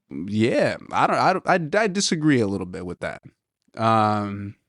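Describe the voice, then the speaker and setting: A man hosts a podcast as a casual solo chat, rambling while he reviews a coffee and often saying "dude" and "you know." His lowish voice is a little nasal. The recording is dry and studio quality.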